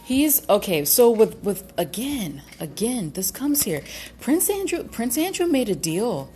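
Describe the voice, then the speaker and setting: A woman giving a casual tarot reading to her viewers, halting and cautious, with many fillers and restarts. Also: fairly high pitch, very animated, warm tone, a little hiss or hum. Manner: cautious, hedging with repeated qualifiers. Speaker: tarot reader.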